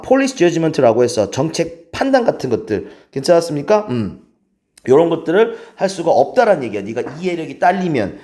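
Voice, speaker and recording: A man's voice: on the high side, dark tone. A man teaching English grammar in a lecture, keeps checking in with the class through rhetorical questions.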